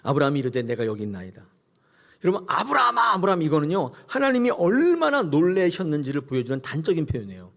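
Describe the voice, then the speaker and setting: A middle-aged male pastor preaching a sermon and acting out scenes with sudden high cries. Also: quick pace, few pauses. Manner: animated, acts out God's voice with sudden high cries.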